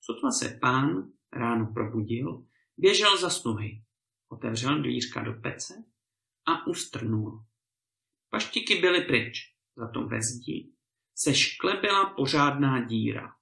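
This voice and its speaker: A man reads a fairy tale aloud with lively, expressive storytelling. His voice is bright and gravelly. The recording has a clear room echo. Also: medium pitch. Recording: echoey room.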